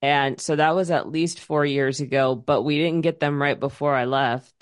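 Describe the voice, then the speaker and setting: A woman's voice: deep voice, steady tone, moderate pace. A woman co-hosting a podcast, chatting casually and rambling with restarts about her teaching semester. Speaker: podcast co-host; music teacher at a university. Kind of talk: casual chat.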